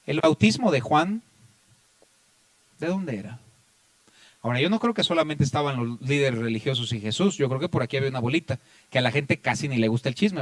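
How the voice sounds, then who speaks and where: A man with a Mexican accent preaching a Bible study sermon, often addressing his listeners as brothers and swinging between loud raised passages and quiet asides. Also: mid-range voice, dry recording. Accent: Mexican Spanish. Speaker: pastor.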